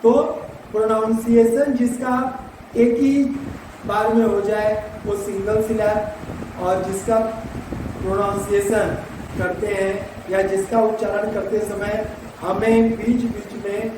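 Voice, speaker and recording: A man teaching an English grammar lesson, slowly spelling words out letter by letter. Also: sits high, level tone, far from the mic. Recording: echoey room, faint traffic noise.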